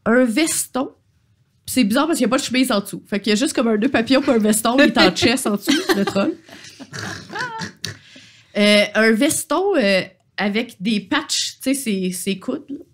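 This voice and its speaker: A woman's voice: a little high, moderate pace. A woman narrating as game master, chatty, with frequent filler sounds.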